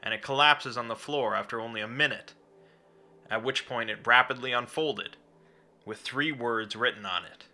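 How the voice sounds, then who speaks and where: A man's voice: medium pitch, moderate pace, bright, forceful tone. A man reading a scripted, dramatic explainer as a narrator. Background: background music.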